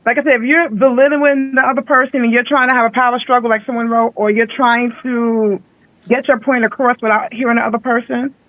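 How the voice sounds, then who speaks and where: A very high-pitched man co-hosts a relaxed discussion, weighing his opinions with careful hedges. His voice comes through a thin, phone-like line with no room sound at all. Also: brisk, no echo. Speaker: co-host. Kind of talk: casual chat.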